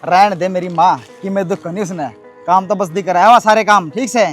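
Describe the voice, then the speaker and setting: An actor playing an irritated young husband who complains sarcastically, speaking with a Haryanvi accent. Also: male voice, sits high, steady tone, brisk, faint music behind, lightly acted. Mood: sarcastic.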